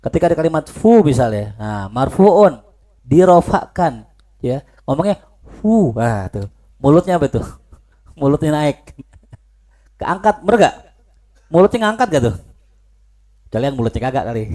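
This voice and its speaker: A male religious teacher gives an informal lesson with a slightly high-pitched voice. He keeps asking his listeners questions and then answers them himself, in a lively, playful way. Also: moderate pace, pauses often.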